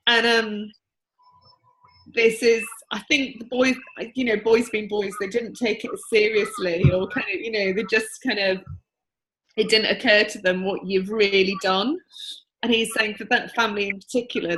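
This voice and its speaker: A woman's voice: mid-range voice, fairly even intonation, moderate pace, a bit bright, slight background noise, low-quality recording. A woman working as a psychic medium, relaying messages in a reading. She talks in an earnest, emotional, chatty way with many restarts.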